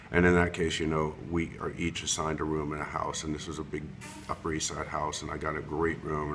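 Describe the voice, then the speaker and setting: A man in his fifties from Long Island, an interior designer giving an unrehearsed self-recorded video introduction. He talks haltingly, full of ums and restarts, into a computer webcam mic. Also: extremely low pitch, a bit bright, slight background noise. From Long Island, New York.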